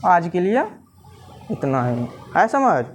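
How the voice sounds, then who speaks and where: High-voiced teacher checking in with students. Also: male voice, sing-song, slow pace, slight background noise. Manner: repeats questions to students, casual teasing checks. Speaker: physics teacher. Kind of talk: classroom lecture.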